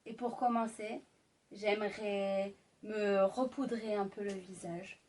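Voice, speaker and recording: A woman doing an ASMR role-play as a sultry, intimate ASMR narrator, speaking sensually to the listener with lingering pauses. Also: mid-range voice, fairly even intonation, darkish tone, distant mic, a little hiss or hum. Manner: slow, lingering delivery with deliberate pauses. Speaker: ASMR performer.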